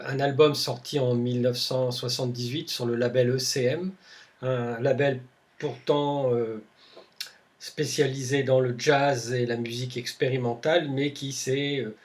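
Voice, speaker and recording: A man casually reviewing albums from his own collection, speaking with many fillers, restarts and little tag words. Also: mid-range voice. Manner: hesitant, many fillers and restarts, tags phrases with "hein". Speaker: music collector presenting albums.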